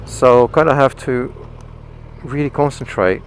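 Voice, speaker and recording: A man's voice: mid-range voice, measured pace. British man talking inside a motorcycle helmet. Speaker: motorcycle vlogger. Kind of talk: casual explanatory vlog talk while riding. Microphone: microphone inside the helmet. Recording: clear engine, wind and traffic noise.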